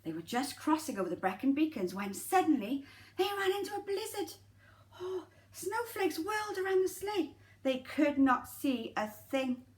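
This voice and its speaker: Reading a children's story at normal speed, a nursery teacher whose voice sits high performs it in an animated, dramatic way and addresses the children directly with asides.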